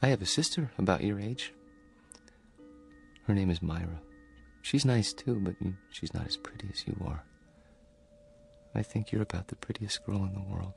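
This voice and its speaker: Faint music plays behind a low, creaky voice as an actor portrays a shy, lonely, sheltered man in his thirties for a radio drama. His delivery is tender, meek, and halting, full of hesitation.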